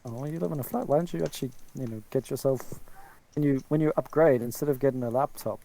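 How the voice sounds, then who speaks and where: A man's voice: medium pitch, fast talker, creaky, mellow, low-quality recording. A man chatting on a group voice call who keeps asking the others questions. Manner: inquisitive, asks questions. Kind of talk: casual group voice chat.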